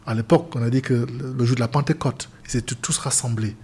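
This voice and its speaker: A seamen's chaplain and pastor from Cameroon talks fast as an interview guest, his medium-pitched voice darkish and breathy at the edges. Earnest and repetitive, he stumbles and restarts his phrases often.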